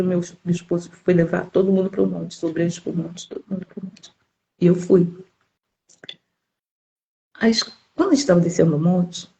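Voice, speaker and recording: A woman from Brazil preaches from her own testimony, leaning on repetition for emphasis. Her voice sits a little low and sounds mellow rather than bright. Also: low-quality recording. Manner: emphatic, repeats words for stress. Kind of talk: sermon testimony.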